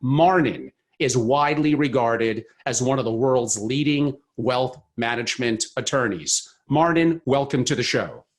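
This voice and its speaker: The podcast's host, a man whose voice sits at a normal middle pitch, opens with a scripted intro of the guest and then poses interview questions, keeping his delivery formal and measured.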